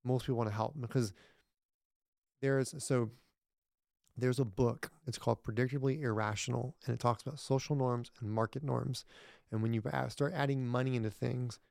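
A man's voice: mid-range voice, steady tone, normal speed, gravelly, darkish tone, dry recording, studio quality. A man talking as a podcast guest in casual interview chat, rambling with many restarts, blunt and sometimes profane.

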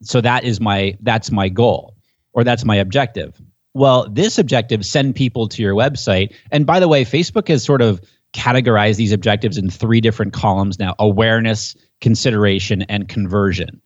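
A man's voice: on the low side, normal speed, no room sound. Man, podcast guest, enthusiastic explainer, conversational, dry, slightly muffled audio. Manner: enthusiastic, gets pumped up and animated.

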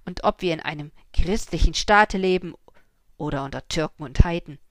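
A woman voicing an indignant peasant father who shouts his complaint in a storybook reading. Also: low-pitched, moderate pace, dry recording, clean studio sound, natural voice. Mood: furious. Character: angry peasant father, middle-aged man, loud.

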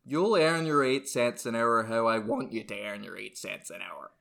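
A man's voice: medium pitch, normal speed, gravelly, fairly bright tone, voice pushed down. A man playing a brash, irritable, eccentric ad agency boss in a comedy script, volatile and blustering. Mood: deadpan boasting. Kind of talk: comedy script read aloud.

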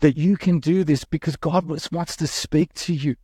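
A young adult male pastor preaching a sermon in an animated, quick way, with restarts and acted-out quotes. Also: a little high, husky, dry recording, studio quality.

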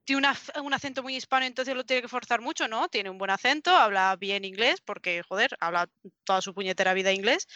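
Bright-voiced exasperated woman. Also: a little high, no room sound. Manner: exasperated, emphatic, swears casually. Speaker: podcast co-host. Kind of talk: casual chat.

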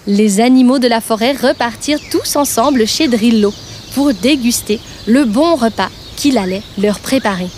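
A woman narrating a children's story in a gentle, clear and expressive way. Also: fairly high pitch, normal speed, a little hiss or hum.

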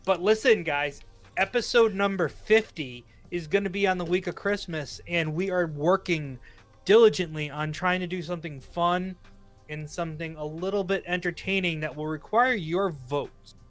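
A man's voice: sits high, moderate pace, faint music behind. Boston man rambling through show announcements. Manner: rambling, promotional, self-correcting. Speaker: podcast co-host. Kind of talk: casual podcast chat.

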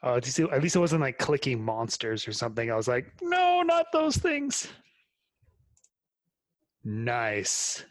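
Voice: medium pitch, a little fast, few pauses, no room sound. Joking tabletop player, dry close sound. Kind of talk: casual tabletop play.

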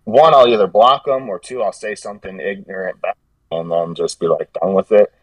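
A man's voice: low voice, steady tone, normal speed, dry recording, distant mic. A man telling stories in a casual podcast chat, rambling and restarting his sentences as he goes. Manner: rambling, self-correcting storyteller with frequent restarts. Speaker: podcast guest, gym meme page creator.

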